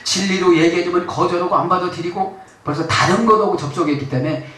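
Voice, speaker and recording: Male preacher, slightly high voice, keeps prodding his listeners with quick questions; captured from a distance in a very reverberant hall. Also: a bit bright. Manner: keeps prompting the congregation with quick checks and rhetorical questions. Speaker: pastor. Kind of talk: sermon. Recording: very echoey room, mic far off.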